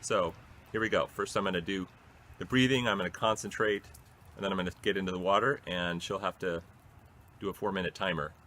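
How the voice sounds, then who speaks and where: A man's voice: low voice, fairly even intonation, brisk, pushed and bright. A man narrating casually to camera in a plain, matter-of-fact way, as a vlogger does. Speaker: vlogger doing an ice bath. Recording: noisy ambient home-video recording.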